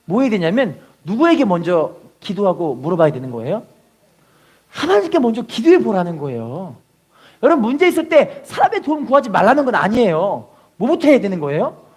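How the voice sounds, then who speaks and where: A man preaching a sermon to his congregation, leading call-and-response and crying out prayers as he tells them. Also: husky. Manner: cries out acted prayers at a high pitch. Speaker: pastor. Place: church sanctuary.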